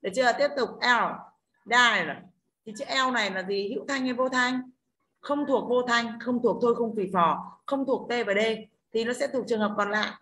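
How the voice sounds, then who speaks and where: In a slightly high, sharp voice at a moderate pace, this woman teaches an online English class with a Northern Vietnamese accent. She takes pronunciation rules one step at a time and often pauses to ask "đúng không?".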